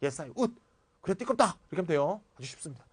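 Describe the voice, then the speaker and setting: A man lecturing on grammar in a high voice that swoops up and down. He is playful and animated, moves between formal and blunt casual speech, and acts out sample replies. The recording is dry and close. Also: rapid-fire, breathy edge, no echo.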